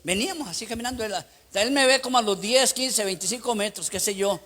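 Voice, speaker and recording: Middle-aged male pastor, Costa Rican accent, very high-pitched voice, emphatic sermon delivery. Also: fast talker. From Costa Rica. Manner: emphatic preaching with lively anecdotes.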